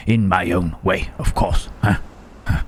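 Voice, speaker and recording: A man playing Frankenstein's monster in an ASMR roleplay, a gentle, melancholy reanimated creature who speaks in a hushed, halting, formal way. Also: sits low, steady tone, slight background noise. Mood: hesitant, thoughtful.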